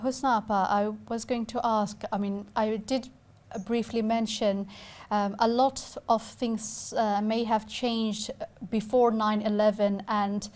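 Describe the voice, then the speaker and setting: A woman's voice: a little high, a little mellow. A woman from Bangladesh hosting a TV discussion show, speaking hesitantly with many fillers and restarts as she talks to guests on a video call. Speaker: TV talk show host.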